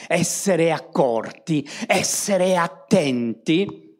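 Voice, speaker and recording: A woman's voice: lowish voice, animated, very slow, darkish tone. A woman preaching a sermon to a congregation, often tagging on rhetorical questions to draw her listeners in.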